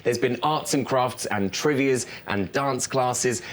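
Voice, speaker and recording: A man's voice: medium pitch, takes it slowly. A man working as a cruise director, speaking in an upbeat, effusive way in a conversational promotional interview. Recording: noisy with ambient background sound.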